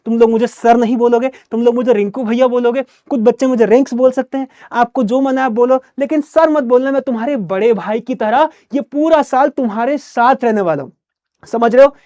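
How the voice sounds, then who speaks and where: A young man teaching English in an energetic online class, talking like a friendly big brother and often checking in with his students. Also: very high-pitched, no echo.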